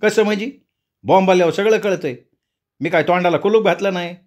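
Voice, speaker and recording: A man's voice: a little fast, darkish tone, close to an everyday voice. A man voicing a fiery middle-aged village mother who curses and orders her children about in a storybook telling. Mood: indignant. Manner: shrill, cursing, bossy.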